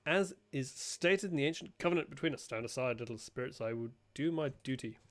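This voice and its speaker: A man's voice: mid-range voice, lively intonation, fairly quick, faint music behind, close to an everyday voice. A man reading out the lines of a stern female knight commander in a strategy game, in a formal, solemn way.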